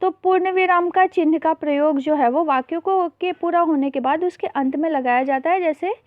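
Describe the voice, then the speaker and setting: With a very high voice at a moderate pace and no echo, this woman patiently explains a worksheet lesson to young kids. Her Hindi mixes in English terms, she frequently calls the children beta, and the voice-over sounds tinny like a phone.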